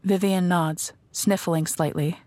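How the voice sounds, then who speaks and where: A woman narrating an audio drama in a measured, descriptive storytelling manner. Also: on the low side, steady tone, mellow, no echo. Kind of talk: scripted narration.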